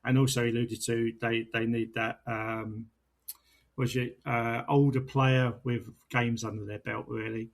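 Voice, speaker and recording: A man's voice: mid-range voice, level tone, a little slow, creaky. A man hosting a sports podcast in casual, chatty style. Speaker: podcast host.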